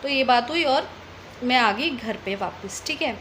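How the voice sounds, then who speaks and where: A young woman vlogger from Delhi with a high voice tells a personal story straight to camera. She talks in a loose, chatty way and keeps repeating phrases for emphasis. Faint background noise sits under her voice. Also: animated, unhurried, a bit bright. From Delhi, India.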